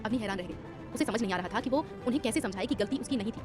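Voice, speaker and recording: Fast, dramatic woman storyteller. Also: fairly high pitch, lively intonation. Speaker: audio story narrator. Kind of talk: dramatic scripted narration. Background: background music.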